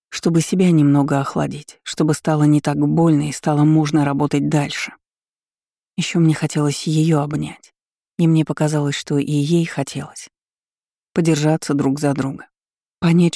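A woman narrating a first-person fantasy audiobook in a calm, reflective storytelling manner. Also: low-pitched, no room sound, clean studio sound.

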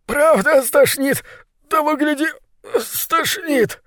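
A man's voice: very high voice, takes it slowly, a bit bright, dry recording, clean studio sound, pitched above the performer's own voice, exaggerated voice. Man doing a queasy, snapping ratcatcher. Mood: sick and snappish. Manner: groaning, snapping. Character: queasy grumbling male ratcatcher.

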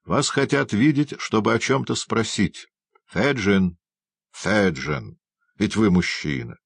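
A man voicing a stern, brisk male jailer who speaks firmly. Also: on the low side, vocal fry, slightly rough, dry recording, voice pushed up, full character voice. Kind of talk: audiobook character voice.

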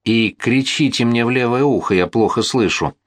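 A man voicing an exhausted, half-deaf male artillery colonel who slurs and shouts his words in a dry audiobook reading. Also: medium pitch, moderate pace, dry recording, pitched above the performer's own voice, lightly acted. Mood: shouting. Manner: slurring, shouting.

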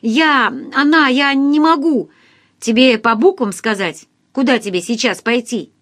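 A woman's voice: on the high side, a little slow, a bit bright. A woman reading an audiobook, voicing a cowardly man who answers curtly and dismissively on the phone. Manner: curt, dismissive, nervous. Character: cowardly, evasive man, a former friend.

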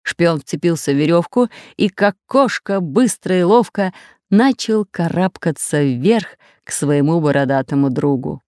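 A woman narrating a children's fairy tale audiobook with animated, theatrical delivery. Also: lowish voice, measured pace, no room sound, clean studio sound.

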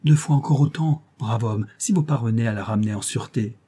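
A man voicing an anguished noble lady who pleads urgently, in a husky, warm voice. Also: mid-range voice, brisk, close to an everyday voice. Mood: pleading.

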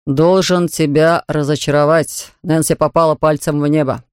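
A woman voicing a stern, brooding older gentleman in an audiobook reading, speaking slowly and mockingly. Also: low voice, steady tone, clear, resonant tone, no echo, studio quality, pitched below the performer's own voice, natural voice.

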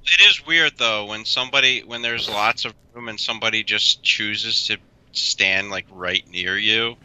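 A man with a very bright, crisp and smooth voice co-hosts a casual podcast. He probes his partner with pointed questions in an easy, conversational way. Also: fairly low pitch, unhurried, no room sound, rough recording. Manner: probing, asks pointed questions. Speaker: podcast co-host.

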